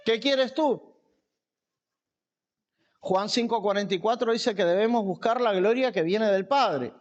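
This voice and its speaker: High-voiced man preaching a sermon. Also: a little slow, muffled recording. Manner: emphatic, repeating key phrases with rising pitch.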